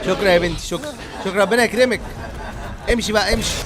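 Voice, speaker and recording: A young man with an Egyptian Arabic accent, a gaming streamer giving excitable let's-play commentary full of shouted, teasing reactions. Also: high-pitched, very fast, crowd noise. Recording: noisy background.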